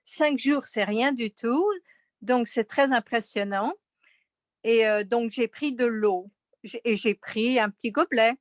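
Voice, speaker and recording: Casting: woman, high voice, dry sound, informal testimonial from a meeting participant. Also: a little slow, dry recording. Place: online video meeting.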